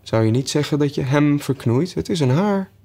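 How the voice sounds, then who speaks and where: A man voicing a rude, excitable hatter who grumbles and contradicts in an audiobook. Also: fairly high pitch, normal speed, pitched above the performer's own voice. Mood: smug. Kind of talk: audiobook character voice.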